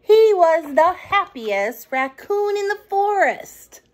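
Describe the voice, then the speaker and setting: A woman reading a picture book aloud to young children, gentle and expressive. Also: very high-pitched, takes it slowly. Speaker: children's storytime reader.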